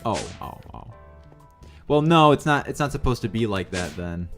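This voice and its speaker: A man in casual stream chat, wandering through anecdotes and backtracking to fix his own wording. His voice sits in a middle pitch, loose and conversational. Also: animated, moderate pace, a bit bright, faint music behind. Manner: rambling, self-correcting, swings into high mimicry. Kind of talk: casual storytelling while playing.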